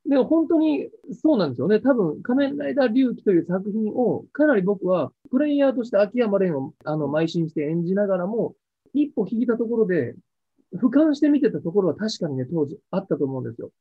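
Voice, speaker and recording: Fields: Sex: man. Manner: lively, animated storyteller. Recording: dry, tinny, phone-like. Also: high-pitched, fairly quick, breathy edge, no echo. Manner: lively storyteller acting out quoted lines. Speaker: actor interviewed about a past role. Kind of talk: animated interview chat.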